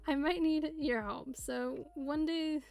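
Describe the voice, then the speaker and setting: A woman's voice: sits high, steady tone, drawn-out words, vocal fry, darkish tone. A woman in her twenties with an American West Coast accent, chatting casually on a stream and rambling with lots of fillers. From United States, Seattle area. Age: 20s. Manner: rambling, filler-heavy talk with many "like"s. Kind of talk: casual chat. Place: home streaming setup. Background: faint music playing.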